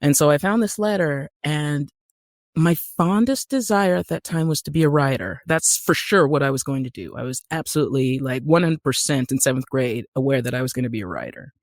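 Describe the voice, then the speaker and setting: A middle-aged American woman from Utah, an actor and writer, chats as a podcast guest, telling stories casually with wry, self-deprecating humour. Her low-pitched voice is animated and a little fast, captured in clean studio sound with no echo.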